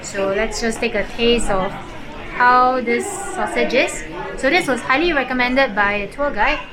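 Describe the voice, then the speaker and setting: Chatty, high-voiced woman vlogging a trip. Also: measured pace, over a noisy crowd, poor audio. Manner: chatty, explains things with fillers like "so" and "like". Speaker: travel vlogger. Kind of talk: casual travel vlog narration.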